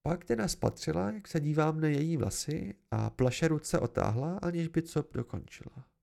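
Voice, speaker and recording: A man's voice: fairly high pitch, lively intonation, creaky, warm tone. A man giving an amateur first-person novel narration, reading expressively. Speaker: audiobook reader.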